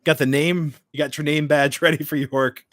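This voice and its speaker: A man's voice: on the high side, fairly even intonation, normal speed, a bit bright, no room sound. Casual young male livestreamer, dry close sound. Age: late 20s. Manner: chatty, informal, hops between short remarks. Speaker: livestream host. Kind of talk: casual livestream chat, reading and answering comments.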